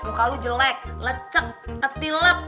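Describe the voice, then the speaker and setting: An actress playing a teasing middle-aged mother, loud and bantering. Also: high-pitched, moderate pace, music in the background, lightly acted.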